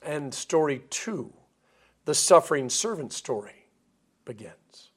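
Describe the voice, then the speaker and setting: A male pastor delivers a lively sermon in a somewhat higher-pitched voice. He tells stories with playful asides and acts out the lines of the people in them. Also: normal speed. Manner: animated storytelling with playful asides and quoted voices.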